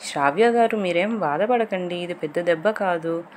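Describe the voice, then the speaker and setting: A woman voicing a friendly, teasing young man in an audio love story, in her own low voice. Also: moderate pace, darkish tone, slight background noise, natural voice.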